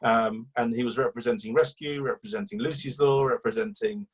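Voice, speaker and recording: A man's voice: mid-range voice, steady tone, fairly quick, breathy edge, rough recording. A man, a campaigner telling a long chatty story in an interview, rambling with fillers and restarts. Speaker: guest, animal welfare campaigner.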